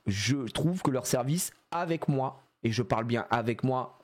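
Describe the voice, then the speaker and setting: A man's voice: medium pitch, lively intonation, unhurried. A man in his thirties chatting casually on a live stream, rambling and joking with many fillers.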